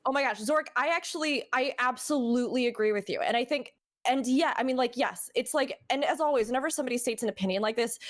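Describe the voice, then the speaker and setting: Casting: higher-voiced woman, chatty streamer host, animated and rambling. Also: fast. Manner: animated, chatty, lots of fillers and asides. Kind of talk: casual podcast discussion.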